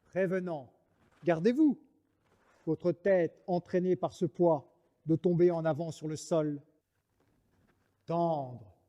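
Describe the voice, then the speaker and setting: A man's voice: sits high, warm tone. An actor playing a proud, mocking swordsman poet in a French verse monologue, declaiming like a hammy stage actor. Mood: bombastic. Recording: reverberant hall sound.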